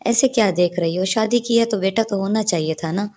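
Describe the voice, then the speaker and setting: A woman voicing a cheeky, sharp-tongued young woman in a storybook reading, muttering sarcastic asides. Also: mid-range voice, a little fast, lightly acted.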